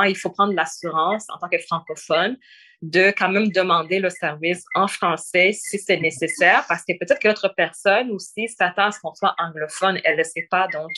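Woman, twenties, Québécois French accent, bright tone, interview guest, thoughtful, hesitant. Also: lowish voice. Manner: thoughtful, frequent fillers and restarts. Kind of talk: interview answers.

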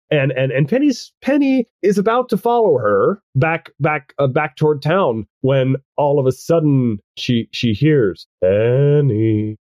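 A man's voice: medium pitch, darkish tone, no echo. A man narrating as game master, chatty with frequent stammered restarts.

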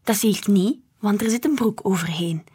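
Woman as a cheeky little girl who says what she thinks, husky-toned. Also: mid-range voice, normal speed, mellow, natural voice.

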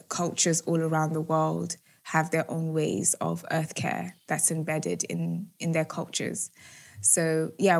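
A woman hosting an interview podcast, reading a measured introduction and asking questions. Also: deep voice, gravelly. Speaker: podcast host. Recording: music under the voice.

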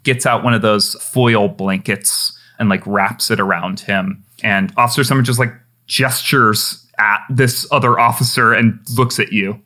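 A man's voice: on the low side, fairly even intonation, unhurried, few pauses, pushed and bright. A man running a tabletop game as game master, narrating scenes in a casual, filler-heavy way.

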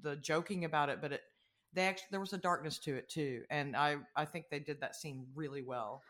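A man's voice: on the high side, steady tone, a little fast, a bit bright. A man in a casual movie discussion, talking in a hesitant, self-correcting, hedging way. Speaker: podcast co-host.

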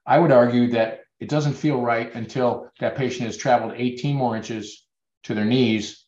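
A man's voice: mid-range voice, fairly even intonation, normal speed, darkish tone. Man, dentist, webinar talk, persuasive, echoey room, muffled sound. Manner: earnest, persuasive storytelling. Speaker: dentist presenter. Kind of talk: webinar presentation. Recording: roomy, dull webinar audio.

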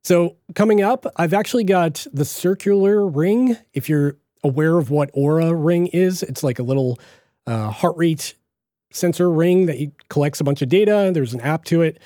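A man's voice: fairly high pitch, moderate pace, mellow, no room sound, studio quality. A man with a Boston accent hosting a podcast, talking in a casual, rambling way with lots of fillers and restarts. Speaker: podcast host. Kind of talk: casual solo podcast talk.

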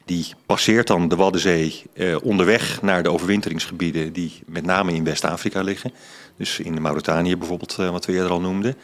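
This low, steady voice belongs to a middle-aged author and science journalist who talks a little fast. In a relaxed interview he explains his points, often restarting and saying um.

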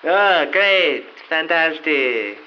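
A man's voice: on the high side, expressive, very slow, highs cut off, slight background noise. A man voicing a grumpy, sardonic male adventurer who groans and answers with dry sarcasm in a hobby audio drama. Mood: sarcastic.

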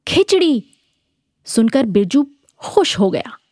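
Woman, children's storyteller, expressive, dry close sound, slightly breathy. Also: mid-range voice, a little slow, no echo. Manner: expressive, playful.

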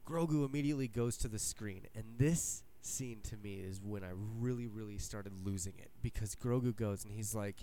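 A young man co-hosting a podcast, talking excitedly and casually, swearing and acting out quotes as he recounts a scene. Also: on the low side, moderate pace, hardly any pauses. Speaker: podcast co-host. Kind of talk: excited casual fan chat.

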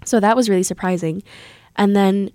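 A warm, mid-range female voice with fairly even intonation and a moderate pace belongs to a young adult American podcast host. She chats through a story in Korean followed by English, full of fillers and restarts, recorded dry at studio quality.

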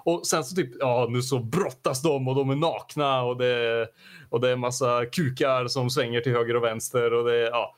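A podcast co-host chats casually in a medium-pitched voice, animated and quick to laugh.

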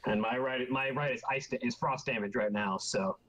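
A man's voice: medium pitch, moderate pace, fairly bright tone, muffled recording. A man chatting casually as a player at a tabletop game, declaring his moves.

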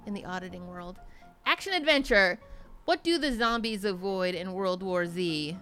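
A woman's voice: mid-range voice, expressive, normal speed, fairly bright tone, clean tone, faint music behind. A woman co-hosting a casual comedy podcast, bubbly and playful, reading trivia questions to her friends and laughing often. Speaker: podcast co-host and quizmaster.

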